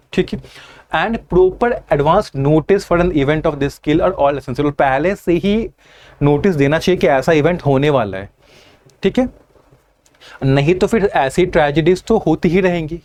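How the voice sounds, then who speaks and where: A man, teaching an online exam-prep lesson. He reads English lines slowly, then explains them in Hindi with frequent "theek hai" fillers. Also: on the high side, darkish tone.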